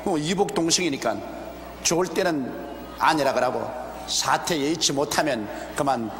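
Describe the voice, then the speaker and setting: An older man preaching a measured expository sermon from a pulpit, pausing often and asking rhetorical questions. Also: on the high side, slight background noise. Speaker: pastor. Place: large church sanctuary, behind a wooden pulpit. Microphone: pulpit microphone. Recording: roomy, echoey hall with faint ambience, older broadcast video.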